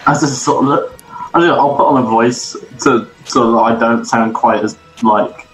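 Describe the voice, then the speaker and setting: A man's voice: medium pitch, fairly even intonation, normal speed, soft background music, poor audio. A man playing a tabletop game, explaining his moves in a hesitant, filler-heavy way. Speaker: player. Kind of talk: casual game talk.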